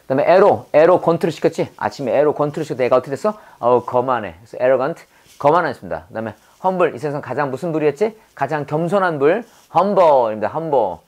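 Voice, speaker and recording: Low-voiced woman drilling English words. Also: lively intonation, darkish tone. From South Korea. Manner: repeats words and quizzes the viewer, drawn-out pronunciation drills. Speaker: English teacher. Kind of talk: vocabulary lesson with mnemonic wordplay.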